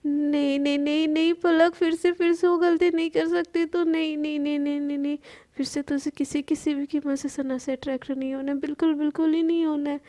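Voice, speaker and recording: Woman playing a stern flustered young woman, high but dark voice, snapping. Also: level tone, a little fast, close to an everyday voice. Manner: curt and scolding.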